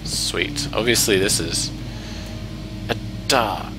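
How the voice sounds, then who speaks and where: A man giving excitable let's play commentary, yelling at the game. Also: on the low side, slow pace, noisy background. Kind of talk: gameplay commentary. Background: game music.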